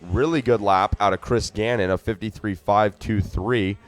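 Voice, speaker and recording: A man's voice: lowish voice, steady tone, moderate pace. A man giving live race commentary in a chatty, joking way, rambling into funny asides between lap times.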